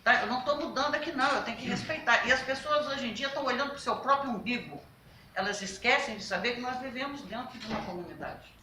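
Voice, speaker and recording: A woman on a national health council gives an emphatic talk to a workshop, asking rhetorical questions and speaking loudly. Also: fairly high pitch, fast, a little hiss or hum. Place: workshop meeting room. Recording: roomy, from a distance.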